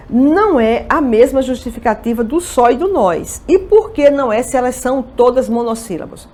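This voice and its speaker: Female Portuguese teacher, fairly high voice, explains by asking and answering her own questions. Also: darkish tone. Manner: explanatory, poses questions and answers them herself; checks in often with "ok?" and "tá vendo?". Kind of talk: exam-review lesson.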